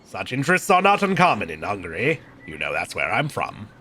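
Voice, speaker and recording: A man putting on a hushed, haughty old prior. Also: on the low side, wildly swooping pitch, fairly quick, background noise, pitched below the performer's own voice. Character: stern aging male monk, a cold guarded prior.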